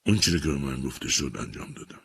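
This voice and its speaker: A man voicing a troubled young army lieutenant who is withdrawn and bitter, speaking in a flat, curt, guarded way. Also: extremely low pitch, creaky, husky, full character voice.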